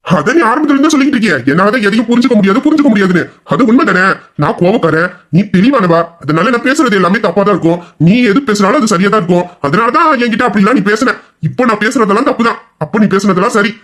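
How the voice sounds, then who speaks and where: A high-pitched, a bit bright male voice with lively intonation speaks fast as he performs a Tamil audio drama role. The character is a hot-headed young husband, angry and sarcastic, mocking in each reply.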